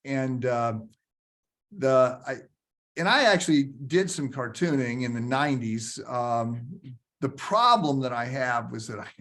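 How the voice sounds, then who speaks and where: A man hosting a podcast, introducing his guest in a loose, rambling way with many fillers and restarts. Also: medium pitch. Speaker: podcast host.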